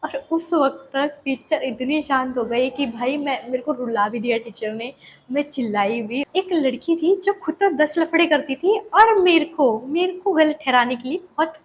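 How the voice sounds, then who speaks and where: A young woman telling a personal story in a casual, animated way, often slipping English words and phrases into her talk. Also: high voice, normal speed, a little hiss or hum, rough recording. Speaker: vlogger.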